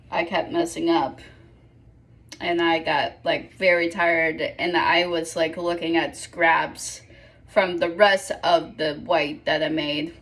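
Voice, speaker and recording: A young woman in casual vlog chat at home, rambling and correcting herself with apologetic asides. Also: on the low side. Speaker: vlogger.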